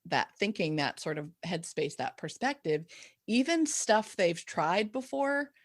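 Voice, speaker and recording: Low-voiced woman co-hosting a podcast. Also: animated, unhurried. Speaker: co-host and ADHD coach. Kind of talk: casual podcast conversation.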